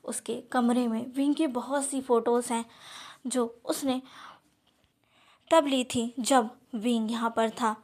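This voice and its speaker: A woman's voice: fairly high pitch, steady tone, slow, a little mellow. A woman reading her own fan-fiction story aloud as a storyteller.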